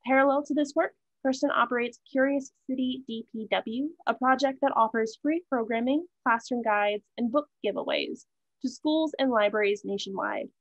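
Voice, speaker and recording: Woman, moderator, scripted introductions, fairly high voice, dull dry video call sound. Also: moderate pace, no room sound. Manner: steady, scripted reading with small slips. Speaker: event moderator. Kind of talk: read-out speaker introductions.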